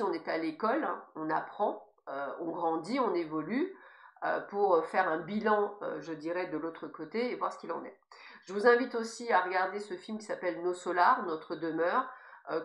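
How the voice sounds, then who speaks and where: A woman with a lisp on her s sounds gives informal spiritual guidance, speaking emphatically and encouragingly straight to her listeners. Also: lowish voice. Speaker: spiritual guide giving guidance messages. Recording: echoey, reverberant room sound.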